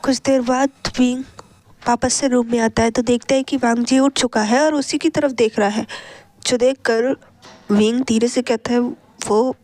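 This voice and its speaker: A woman narrating a fan fiction story in a steady, even way. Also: fairly high pitch, normal speed.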